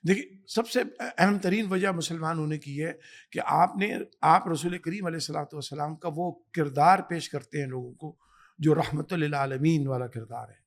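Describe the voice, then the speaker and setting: A man, an imam and guest scholar, speaking emphatically in a podcast interview, preaching and telling stories. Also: on the high side. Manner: emphatic, storytelling, exhorting. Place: Canada.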